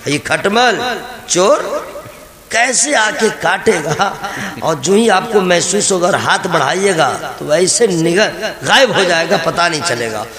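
A man preaching a lively, humorous sermon to a gathering, addressing the crowd directly. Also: on the high side, reverberant.

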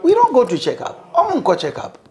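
A middle-aged Ghanaian man, a bishop, talking as an interview guest in a room, mixing English and Twi, animated and preacherly. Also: very high-pitched, fairly quick. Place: indoor living room, seated on sofa.

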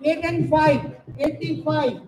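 High-pitched Indian male bingo caller. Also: fairly even intonation, slow, a little hiss or hum. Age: middle-aged. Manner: singsong announcing, numbers called digit by digit. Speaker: bingo caller at a Diwali party. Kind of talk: bingo calling over a microphone, drawn-out numbers and rhyming nicknames. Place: outdoor evening party in front of a stage. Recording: echoey event PA with loud music behind.

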